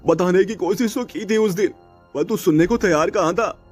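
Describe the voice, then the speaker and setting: A man's voice: high voice, normal speed, darkish tone, breathy edge, faint music behind, voice pushed up. A man voicing an honest, loyal village farmer in a cartoon story, talking in an earnest, pleading way. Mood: hurt.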